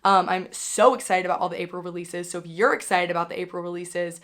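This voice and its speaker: A young woman with a hoarse voice, still recovering from being sick, hosting a casual book wrap-up and chatting loosely with lots of filler words. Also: lowish voice, fairly even intonation, quick pace, fairly bright tone. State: hoarse, recovering from losing her voice. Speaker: book channel host. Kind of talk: casual reading wrap-up chat.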